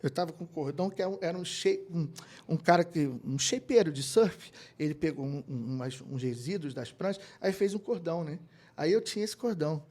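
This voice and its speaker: Lively storytelling man, higher voice. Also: a little fast. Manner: animated anecdotes with quoted voices and laughter. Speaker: guest, keyboardist and music producer. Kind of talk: casual storytelling interview.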